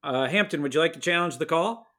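A man co-hosting a comedic game, explaining the rules plainly and adding deadpan asides. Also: a little high, quick pace. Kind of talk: casual game-show banter.

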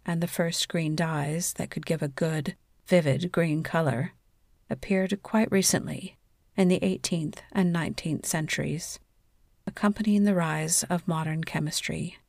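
A woman narrating a scripted sleep story in a soothing, measured bedtime delivery. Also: deep voice, gravelly, a little mellow, no echo, studio quality.

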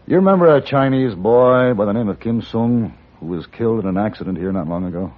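An actor playing a cool, self-assured American hired gun in an old radio western, speaking formally and with measure. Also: male voice, lowish voice, expressive, brisk, close to an everyday voice. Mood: cool, firm. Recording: dull old radio recording.

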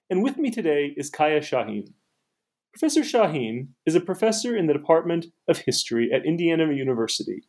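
A man hosting a podcast, introducing his guest in a measured, formal way. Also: on the high side, darkish tone. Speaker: podcast host and researcher.

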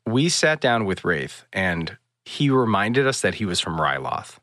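A man co-hosting a casual chat show, telling a story with excitement and acting out the quotes. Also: fairly low pitch, a little slow, dry recording, clean studio sound. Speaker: podcast co-host.

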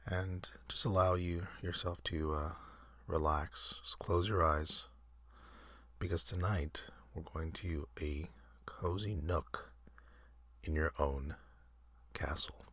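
A man hosting an ASMR channel, leading a soft, halting whispered guided meditation with many pauses and fillers. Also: sits low, steady tone, no room sound. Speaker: ASMR host.

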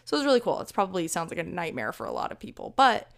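Racing through her solo podcast, a woman in her twenties rambles chattily and pokes fun at herself, sounding a little out of breath. Her voice is lowish and gravelly, with wildly swooping pitch.

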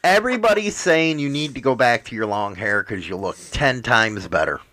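A man's voice: medium pitch, expressive, moderate pace, pushed and bright. A man hosting a podcast in casual banter, teasing and profane. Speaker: podcast host.

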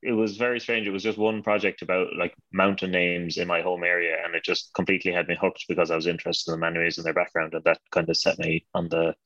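A man's voice: low-pitched, little pitch movement, quick pace, hardly any pauses, fairly bright tone, dry recording, lo-fi sound. A man with a west of Ireland accent, talking casually and a little hesitantly as an interview guest. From west of Ireland (Connemara, County Galway). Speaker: guest, name studies researcher.

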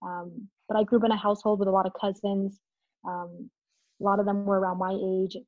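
A woman from Vietnam, a guest in an interview, speaking reflectively with many pauses and ums. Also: mid-range voice, little pitch movement, no room sound. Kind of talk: conversational interview. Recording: muffled, dull sound.

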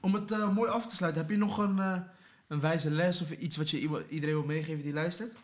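A man hosting a podcast, asking friendly questions with small pauses. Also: a little high, steady tone. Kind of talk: casual podcast conversation.

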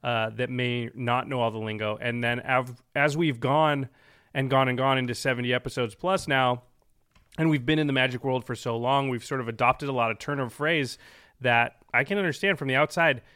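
A male podcast co-host talking in a casual, explanatory style. His pitch is average for a man and the sound is dry, free of room echo. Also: steady tone, moderate pace, a bit bright, smooth.

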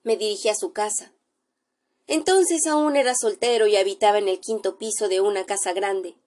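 A woman reading a classic short story aloud as narrator, in a measured storytelling manner with dramatic pauses. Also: medium pitch, darkish tone.

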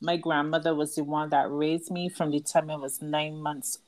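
Earnest Barbadian woman, lowish voice. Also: little pitch movement, moderate pace. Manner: earnest, personal storytelling. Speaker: guest, author. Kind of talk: interview. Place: outdoors at night with crickets. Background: crickets.

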